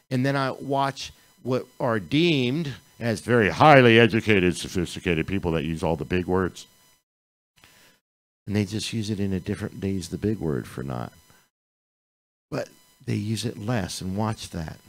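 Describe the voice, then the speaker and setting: A man's voice: lowish voice, poor audio. A man giving an informal, earnest sermon at a spiritual community gathering, rambling and restarting his sentences. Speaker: speaker at a spiritual community service. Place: live-streamed community gathering.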